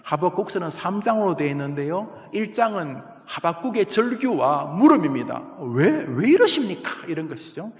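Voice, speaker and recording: A man's voice: sits high, animated, brisk, few pauses. A male pastor preaching a sermon, passionately acting out the prophet's cries of lament. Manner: impassioned, acts out cries of lament. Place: church sanctuary. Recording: echoey church hall.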